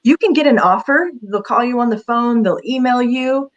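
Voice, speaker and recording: A woman's voice: fairly high pitch, moderate pace, lo-fi sound. A woman career counselor giving casual advice in an interview, talking in a chatty way with many fillers.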